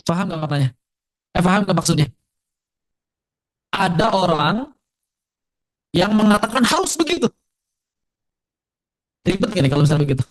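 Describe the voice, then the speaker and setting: A man with an Indonesian accent teaching Quran recitation in a casual lecture, asking the class questions and slowing down to demonstrate words. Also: sits high. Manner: lively, asks the audience questions; slows right down to demonstrate recitation.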